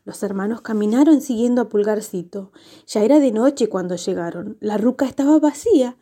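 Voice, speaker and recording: A woman storyteller reading a children's tale for the radio. Her voice is mellow and slightly high, and she tells the story gently and expressively. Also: expressive, moderate pace, breathy edge.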